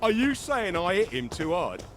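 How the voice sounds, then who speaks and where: Highish British security guard, gruff, belligerent, swinging intonation, video game, noisy background. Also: male voice, big pitch swings, normal speed, music in the background. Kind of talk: video game character dialogue.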